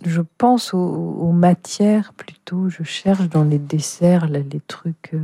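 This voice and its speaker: A woman's voice: on the low side, slow pace, creaky, warm tone, husky, dry recording, clean studio sound. A woman author answering interview questions hesitantly, searching for words and making light of herself.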